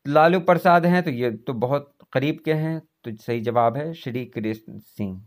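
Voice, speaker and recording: A man's voice: medium pitch, a little slow. A man going through exam questions as a teacher, reading each question and its options before giving the answer, with speech. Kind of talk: quiz walkthrough lesson.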